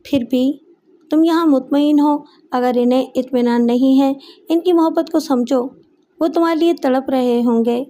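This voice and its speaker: A woman's voice: sits high, moderate pace, natural voice. A woman voicing a polite, composed young man. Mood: courteous. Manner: courteous, calm. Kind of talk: audiobook character voice.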